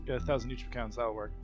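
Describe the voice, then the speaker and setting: A man hosting a gaming channel, chatting casually while he plays and joking with his viewers in a playful, teasing way, laughing often. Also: mid-range voice. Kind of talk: casual let's-play commentary. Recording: dull lo-fi mic. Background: game music.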